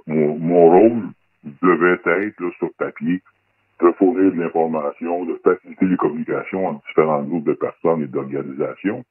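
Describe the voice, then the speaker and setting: An anonymous man speaks through a voice-disguising filter that pushes his voice extremely low. He has a Québécois French accent and a breathy, husky tone, and the sound is dry and thin, like a phone line. He talks in a guarded way and hesitates often. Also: fairly even intonation, normal speed, no echo. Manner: guarded, hesitant, many fillers. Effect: voice electronically disguised, pitched very deep. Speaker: anonymous guest, former undercover federal police agent. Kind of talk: radio talk show interview.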